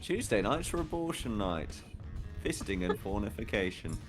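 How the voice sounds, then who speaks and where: Deep-voiced man, dry and rambling. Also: very animated, moderate pace, music in the background. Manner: dry, rambling, self-deprecating. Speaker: podcast co-host. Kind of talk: casual chat while playing a party game.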